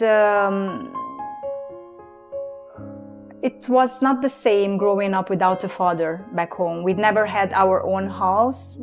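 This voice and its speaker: A young woman from Transylvania with a Hungarian-Romanian accent, giving a personal testimony in English with many pauses and fillers. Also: medium pitch, a little mellow. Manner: halting, many fillers and restarts. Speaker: guest.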